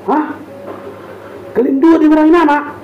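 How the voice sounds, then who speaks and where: An actor playing a hot-tempered father with a Batak accent, who scolds loudly and later turns meek and apologetic. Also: extremely high pitch, steady tone, measured pace, muffled recording, a little hiss or hum. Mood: questioning. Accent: Batak Indonesian. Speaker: father of the household. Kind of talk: amateur family drama acting.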